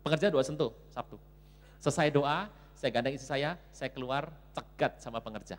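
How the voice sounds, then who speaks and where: A middle-aged male pastor preaching a sermon, telling family stories and acting out the dialogue in lively voices. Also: medium pitch, normal speed. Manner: animated, acts out family dialogue in varied voices. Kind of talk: sermon with storytelling. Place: church function hall.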